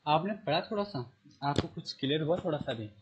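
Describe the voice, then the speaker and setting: A man teaching a class, asking his students questions and repeating key terms, reading English text slowly. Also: fairly high pitch, lively intonation, background noise. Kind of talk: classroom lesson.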